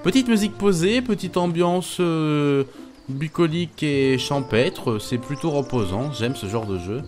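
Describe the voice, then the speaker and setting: A man's voice: on the high side, animated, a little slow, a little mellow, soft background music. Casual French-style gamer man chatting. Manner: chatty, stumbling, swears lightly, reads game text aloud. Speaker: gaming YouTuber. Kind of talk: casual let's-play commentary.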